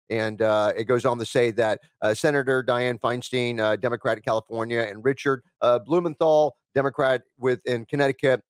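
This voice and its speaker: A man's voice: medium pitch, no echo. A man hosting a live talk radio show, reading news items aloud and rambling with lots of fillers. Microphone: studio microphone.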